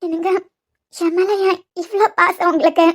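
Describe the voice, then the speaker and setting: A woman voicing an anxious, devoted young wife in a cartoon, pleading softly in a Kanyakumari Tamil accent. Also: extremely high pitch, level tone, normal speed. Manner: pleading, soft. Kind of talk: cartoon voice acting.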